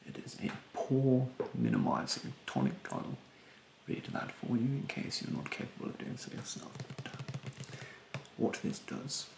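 In an ASMR roleplay set indoors in a bedroom, a young adult man plays a rude, condescending facial therapist, a beautician who sounds snide and dismissive. He speaks softly and breathily, partly whispering, in a haughty, halting, drawn-out way, with a mid-range voice, huge pitch swings and an exaggerated delivery. The room is echoey and there's background noise.

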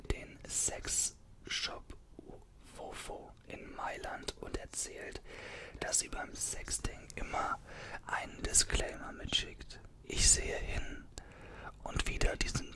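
Whispering breathily right up against a desktop condenser mic, a man in his twenties reads an article ASMR-style in a small bedroom. This ASMR creator drops in casual, conversational asides as he goes.

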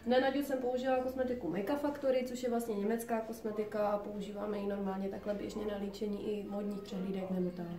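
A young woman working as a makeup artist, briskly explaining her treatments to a phone camera in a small salon. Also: mid-range voice, steady tone, mellow, echoey room. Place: small hair salon, indoors. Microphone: host's phone camera.

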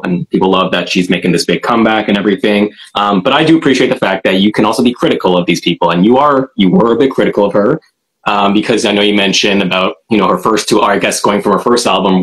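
A man's voice: lowish voice, fast talker, a bit bright, rough recording. A man hosting an interview, asking polite, hesitant questions with many fillers. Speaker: podcast host, interviewer. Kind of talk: casual interview conversation.

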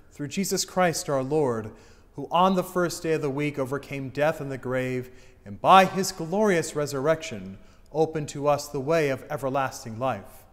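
Middle-aged priest doing the liturgy, solemn and declamatory, highish voice, big church echo. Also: male voice. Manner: solemn, declamatory, wide swings in loudness. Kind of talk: chanted and spoken liturgy. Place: church altar, indoors. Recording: long church reverb.

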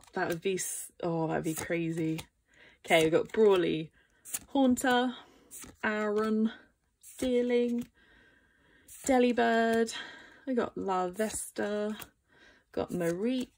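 A woman's voice: mid-range voice, takes it slowly, pauses often, a little mellow, a little hiss or hum. A woman casually chatting as she opens trading card packs, gasping and exclaiming over what she finds. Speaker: card-opening vlogger. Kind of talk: casual unboxing chat.

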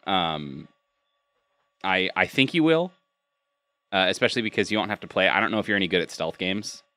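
Young male streamer, low but forceful voice, casual rambling chat, dry close-mic sound. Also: lively intonation, a little fast, no room sound. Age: young adult. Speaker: game streamer, co-host. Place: small room indoors, home streaming setup. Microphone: close microphone on a boom arm.

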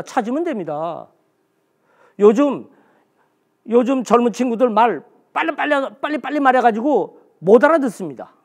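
A man giving a special history lecture in a blunt, colloquial way, asking himself questions and answering them. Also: extremely high pitch.

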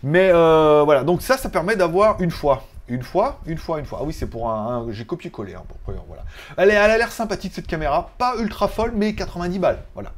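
A man's voice: on the high side, lively intonation, fairly quick. A man hosting a casual tech news vlog, rambling in a chatty way with joking asides. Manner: chatty, joking asides, laughs at own jokes.

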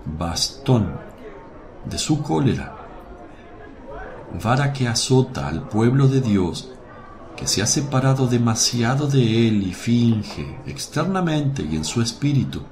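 A man playing Jesus as a gentle, merciful teacher in a devotional radio drama, speaking in a solemn, measured, tender manner. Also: medium pitch, very animated, a crowd in the background. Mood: solemn, firm. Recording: roomy echo over music. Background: music.

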